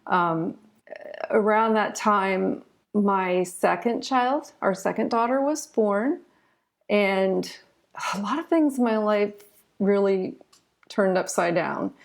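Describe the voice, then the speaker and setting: Slow and mid-range, with gravelly fry in her voice, an American woman in her forties tells her story candidly as an interview guest. She hails from southern Ohio, left medicine to write, and keeps things informal with frequent "you know"s.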